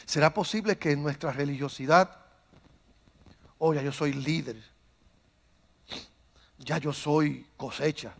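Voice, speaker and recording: A man with a high, ringing voice preaches a sermon to his congregation. He tells stories and acts out the voices in them, and he moves from calm to loud, fervent preaching. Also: slow pace, creaky, pauses often. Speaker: pastor. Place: church.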